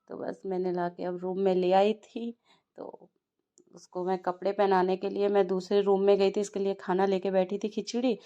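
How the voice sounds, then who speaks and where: Flat-voiced young mother, chatty. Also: medium pitch, lo-fi sound. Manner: chatty, storytelling with frequent small laughs. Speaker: mother narrating her day. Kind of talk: casual home vlog narration.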